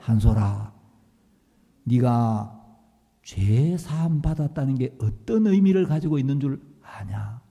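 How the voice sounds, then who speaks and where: A man acting out a stern older male pastor who scolds with a shouting voice. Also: high voice, very animated, a little slow, pauses often, in a large hall, full character voice. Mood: tender urging. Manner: shouting rebukes, later gentle.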